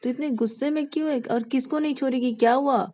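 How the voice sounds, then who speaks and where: A woman's voice: high voice, steady tone, fast, a little mellow, pitched above the performer's own voice. A woman voicing an easygoing young man who speaks in a placating, reassuring way.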